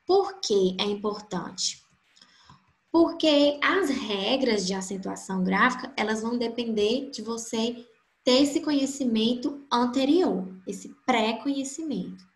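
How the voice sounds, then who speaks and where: A woman gives a grammar lesson at an unhurried pace. Her voice is pitched a little high and has a gravelly edge. She draws out every example word syllable by syllable, and the room around her is echoey. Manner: slow, stretches out example words syllable by syllable. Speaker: Portuguese teacher.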